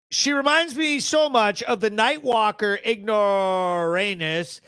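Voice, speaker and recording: A man hosting a live stream, telling a story with mocking glee and breaking into shouted rants. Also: high voice, takes it slowly, clear, resonant tone. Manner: sneering, laughs at his own stories, rising to shouted rants. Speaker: show host.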